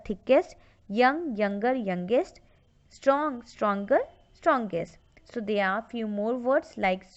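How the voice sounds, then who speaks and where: Slow woman teaching grammar. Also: on the high side. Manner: mixes Hindi and English, reads word lists out slowly. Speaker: English teacher. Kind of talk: online grammar lesson. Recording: dull lo-fi recording.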